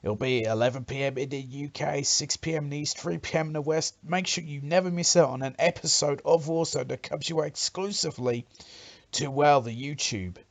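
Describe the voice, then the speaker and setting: A man doing excitable play-by-play wrestling commentary, breaking into loud exclamations. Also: on the high side, a little fast.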